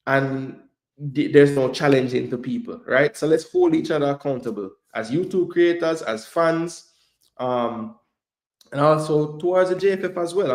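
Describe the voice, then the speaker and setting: A man's voice: a little high, a little mellow. A man hosting a live football analysis stream, talking with passion and driving his points home by repeating them. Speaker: host of a live football show. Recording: echoey room.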